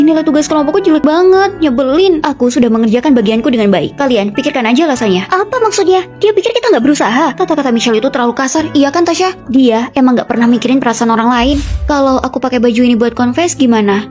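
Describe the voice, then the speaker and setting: Brisk female dubber, high bright voice, rapid clipped reads for a short drama. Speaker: voice-over dubber of all roles.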